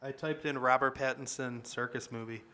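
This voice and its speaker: A man's voice: medium pitch, steady tone, moderate pace, sharp tone, clear, resonant tone. A man co-hosting a casual podcast chat, talking loosely with lots of fillers. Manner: chatty, lots of fillers like "dude". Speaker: podcast co-host.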